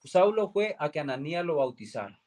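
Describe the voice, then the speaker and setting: A man's voice: very animated, fairly quick, darkish tone. A young man giving a personal faith testimony, earnestly retelling events and acting out the dialogue. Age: young adult. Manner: earnest storytelling, acts out quoted dialogue with raised pitch. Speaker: guest giving a religious testimony.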